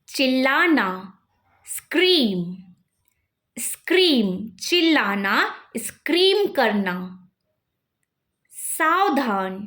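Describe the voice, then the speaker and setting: A woman with an Indian English accent runs a vocabulary drill at a very slow, deliberate pace. Her voice sits high and moves in a lively, sing-song way as she says each word and its meaning over and over.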